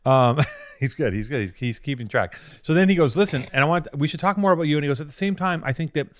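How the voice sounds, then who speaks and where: A man co-hosting a podcast, his voice a little higher than most men's. He talks in a rambling, profane way and swings his pitch widely as he tells a story. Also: expressive, fast. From Venice, California. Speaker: podcast co-host. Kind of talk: casual chat.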